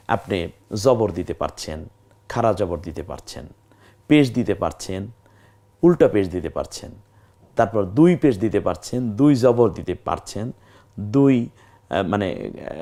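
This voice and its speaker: A man teaching Quran reading in a recorded lesson, speaking to the viewer and slowly drawing out practice syllables one after another. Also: mid-range voice, darkish tone. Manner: patient, addresses viewers directly, drawn-out practice syllables.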